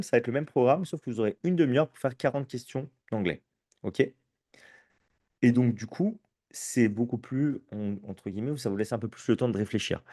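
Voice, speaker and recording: A man's voice: mid-range voice, dark tone, dry recording, studio quality. A man teaching, presenting entrance exams to an audience in a conversational way, often checking "ok?", with restarts along the way, and with a French accent. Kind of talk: live conference presentation.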